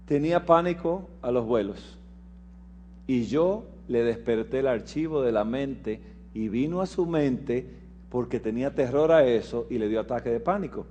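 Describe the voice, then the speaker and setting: A man giving a preached lecture, telling personal stories and acting out the dialogue, dropping to quiet asides and rising to loud emphasis. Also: medium pitch, moderate pace, highs cut off, a little hiss or hum. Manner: animated storyteller who acts out dialogue and swings from hushed asides to loud emphasis. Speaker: health lecturer at a Bible prophecy school.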